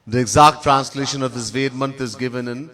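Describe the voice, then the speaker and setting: A man with a Trinidadian accent giving a sermon as a swami in a temple, chanting Sanskrit verses slowly in a sung tone between plain teaching. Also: mid-range voice, fairly even intonation, bright, forceful tone. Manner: lists words in long spoken series. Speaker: swami giving a spiritual discourse.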